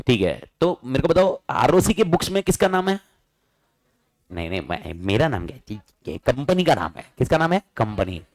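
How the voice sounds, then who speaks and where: A male teacher giving a lively classroom lecture, bantering and firing questions at his students. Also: medium pitch, dry recording, rough recording.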